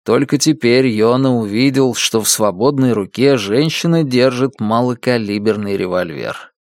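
A man narrating an audiobook thriller in an even, measured reading voice. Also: mid-range voice, creaky, no room sound, studio quality.

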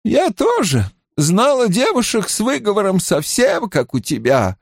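A man's voice: sits high, huge pitch swings, unhurried, gravelly, no room sound, studio quality, voice pushed up, full character voice. A man reading an audiobook, voicing a stern, weary grey-haired old woman who scolds and speaks guardedly. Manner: scolding then tired and guarded. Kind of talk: audiobook character voice.

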